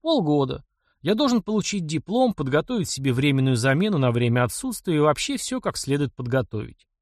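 A man's voice: on the high side, big pitch swings, fairly quick, no room sound, clean studio sound. A man voicing a practical young mechanic in an audiobook, blunt, wry and stubborn. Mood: firm. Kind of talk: audiobook character reading.

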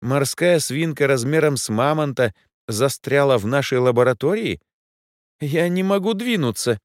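A man's voice: mid-range voice, lively intonation, normal speed, no room sound, studio quality, voice pushed up, natural voice. A man voicing a stressed young hero who talks urgently. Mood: strained. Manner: urgent, frustrated.

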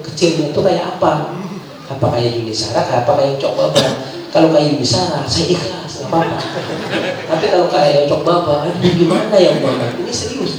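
A man giving a chatty religious talk to an audience, telling stories with jokes and rhetorical asides. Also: a little high. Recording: echoey room from far off with faint ambience.

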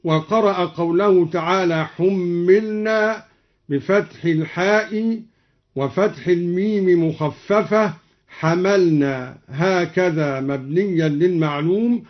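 A man teaching recitation readings, explaining each one slowly and intoning the quoted verses in a measured way, on a dull archival radio recording. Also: high-pitched.

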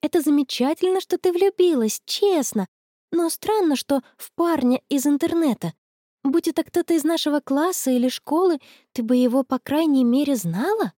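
Woman doing a fretful teen schoolgirl, storybook, high and bouncy voice, mellow tone. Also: animated, normal speed, dry recording, studio quality. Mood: worried, eager. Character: excitable worried schoolgirl, teenage.

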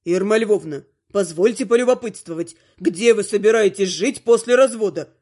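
A woman voicing a brash, scheming son-in-law in an audiobook, with forceful, loud delivery. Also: medium pitch, moderate pace, pitched below the performer's own voice, lightly acted. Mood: barking. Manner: barking, forceful outbursts. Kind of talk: audiobook character voice.

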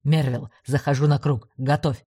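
A woman reading an audiobook, voicing a gruff male commander who barks curt orders in a lowered, louder voice. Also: fairly even intonation, moderate pace, no echo, clean studio sound. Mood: barking orders.

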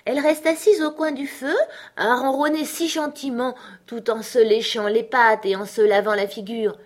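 A woman's voice: a little high, fairly even intonation, moderate pace, voice pushed up, close to an everyday voice. A woman voicing a curious, polite little girl who talks eagerly to please.

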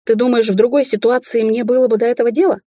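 A proud young heir from a wealthy Chinese family, quick to flare up, voiced by a woman reading a novel aloud. The tone is dark and mellow with a husky edge, recorded close and dry, with no room sound. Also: on the high side, fairly even intonation, no echo, voice pushed up, lightly acted. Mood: angry. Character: young Chinese man, rich heir, hot-tempered.

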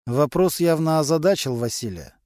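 Lively male audiobook narrator. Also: on the high side, moderate pace, no room sound, clean studio sound. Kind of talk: scripted narration.

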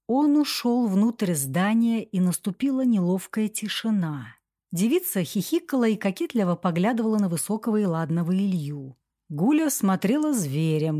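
A woman reading an audiobook as narrator in a steady, even storytelling manner. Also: mid-range voice, dry recording, studio quality. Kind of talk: scripted narration.

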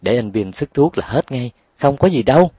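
A man voicing a kind boy who gently coaxes and soothes a younger girl. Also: medium pitch, lively intonation, normal speed, breathy edge, no echo, pitched above the performer's own voice. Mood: coaxing. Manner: coaxing, gentle pleading. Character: kind older boy soothing little girls.

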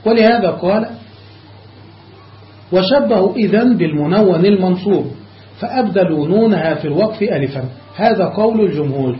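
A man teaching a classical grammar lesson, explaining each rule step by step, checking that his students follow, and slowing down on examples. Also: high voice, expressive. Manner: slows down on examples. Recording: echoey lo-fi room recording.

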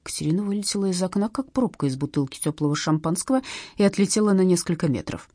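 A woman's voice: on the low side, fast, mellow, slightly rough, no room sound. A woman reading a humorous story aloud as an audiobook narrator. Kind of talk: scripted narration.

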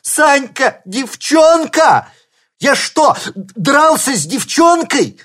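Excitable teen boy in an audiobook, prone to slow, shrill shrieks; a man reads him. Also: natural voice. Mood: horrified. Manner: shrieking in drawn-out panic. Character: excitable teenage boy, easily panicked. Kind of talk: audiobook reading.

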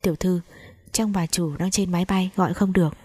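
A woman's voice: fairly low pitch, fairly even intonation, fairly quick, darkish tone, natural voice. Woman reading a fretful housekeeper. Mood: worried. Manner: fretful, worried questions. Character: anxious middle-aged female housekeeper.

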